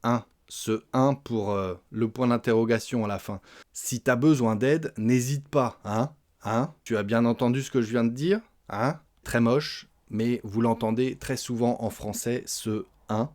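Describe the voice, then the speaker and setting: A man gives a spoken French lesson at an average pitch. He explains everyday phrases, then acts them out in lively little example scenes. He often ends lines with a short tag word. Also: unhurried. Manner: frequent tag "hein". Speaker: French teacher.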